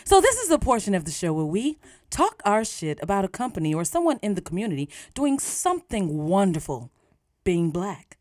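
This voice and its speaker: A woman's voice: mid-range voice, big pitch swings, moderate pace, darkish tone, dry recording, clean studio sound. Sassy playful woman with a South Florida accent. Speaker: podcast co-host. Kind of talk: casual podcast chat.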